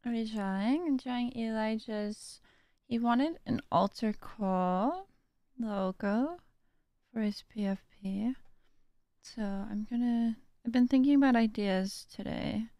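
A young woman streamer chatting casually while drawing, tired and low on energy, soft-spoken and trailing off with small laughs. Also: a little slow, no room sound, studio quality.

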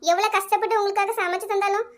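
A woman's voice: extremely high pitch, steady tone, rapid-fire. A woman voicing an indignant village housewife who argues back in a cartoon comedy, with a Kanyakumari Tamil accent. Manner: arguing, defensive.

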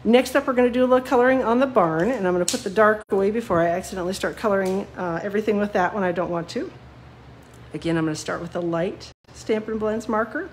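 Filmed from above at her home craft desk, a woman demonstrates card-making live in a fast, mid-range voice with slight background noise. She's chatty and self-deprecating, says "um" a lot, and sounds a bit sniffly from a cold.

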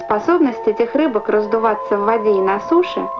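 A woman reading scripted nature newsreel narration in an expressive storytelling manner. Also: mid-range voice, a little fast. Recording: muffled vintage film soundtrack. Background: music.

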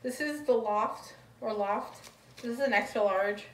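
A thrift reseller vlogger with a fairly high, slightly slow voice chats casually through a haul video at home, rambling as she describes each item one by one. The recording sounds roomy, with a distant mic and faint ambience.

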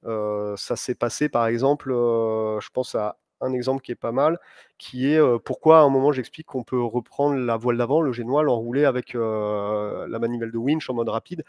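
A man's voice: mid-range voice, steady tone, moderate pace, darkish tone, no echo. A man in his thirties, a sailing instructor, explaining his teaching choices at an indoor conference, thoughtful and hesitant with fillers. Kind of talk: conference talk. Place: large sailing showroom, indoors.

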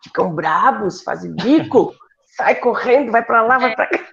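A woman teacher moderating a panel, chatty and animated when telling stories. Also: fairly high pitch, unhurried, gravelly. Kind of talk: casual panel chat. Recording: dull lo-fi call audio.

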